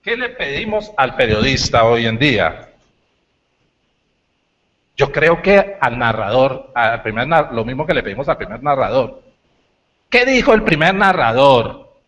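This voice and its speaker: A man giving a university lecture, telling stories with animated, shouted bits. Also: medium pitch, a little slow, long pauses, lo-fi sound. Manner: animated storytelling, shouts acted lines. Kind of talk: lecture talk.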